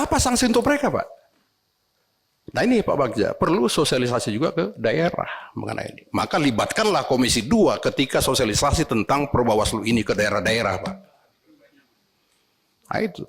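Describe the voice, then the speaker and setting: A man speaking up in a parliamentary hearing room, his voice gravelly and a bit husky, pitched slightly high. He swings up and down a lot as he complains to officials, tagging "sir" onto his phrases. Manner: animated, complaining, ends phrases with "Pak". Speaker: legislator questioning election officials.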